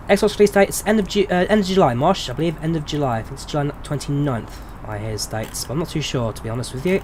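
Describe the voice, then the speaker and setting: A flight sim streamer from England, a man in his twenties with an English accent, chats casually with viewers on a live stream and answers their questions. His voice is fairly high and brisk, he's relaxed with frequent ums, and there's a little hiss or hum.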